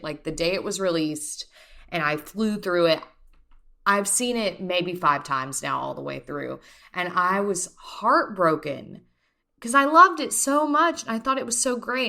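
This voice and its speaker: This twenty-something podcast co-host has a lowish, bright voice with a forceful tone. She talks in a casual, eager, rambling way.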